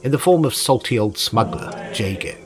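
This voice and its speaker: A man's voice: medium pitch, animated, normal speed. A man giving scripted narration as a host, in a descriptive storytelling way. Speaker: narrator and ghost-hunt host.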